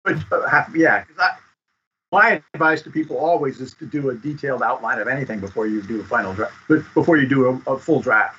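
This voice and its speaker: A man giving advice as a script consultant guest in a casual interview, speaking haltingly and often repeating words. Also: medium pitch, pushed and bright, husky. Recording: dull lo-fi audio.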